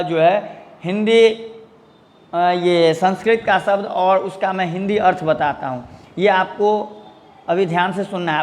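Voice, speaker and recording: A man's voice: sits high, long reverb tail. A man teaching a children's Sanskrit lesson, reading word lists with their meanings and saying "okay" often.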